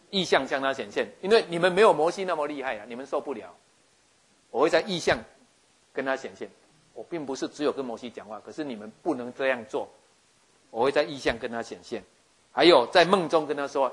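A man giving a lively sermon, acting out scenes and often checking that his listeners follow. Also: mid-range voice, husky. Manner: animated, acts out scenes, keeps asking listeners if they follow. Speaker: preacher.

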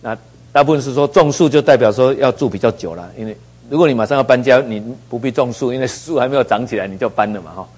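A middle-aged man leading a Bible study, reading scripture slowly and then explaining it in a chatty way full of fillers. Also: medium pitch, a little mellow, husky. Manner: conversational, with many fillers and a tagged "哈".

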